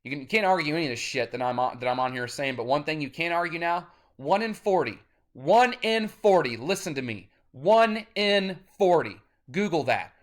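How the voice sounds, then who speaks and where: A man in his thirties who makes music independently rants to camera in a rambling vlog, swearing as he grows loud and insistent. His voice is on the high side, with lively intonation and a moderate pace.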